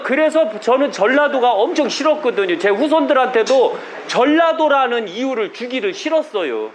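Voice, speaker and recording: A man's voice: very high voice, slight background noise. A man with a Chungcheong Korean accent, a religious leader giving a blunt sermon to his followers, often asking rhetorical questions.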